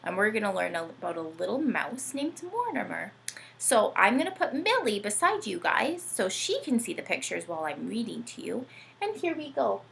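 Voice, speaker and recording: A little hiss or hum accompanies a mid-range, creaky female voice at moderate pace. This children's read-aloud host reads and chats playfully to young kids, sing-song and animated, with plenty of questions for her listeners.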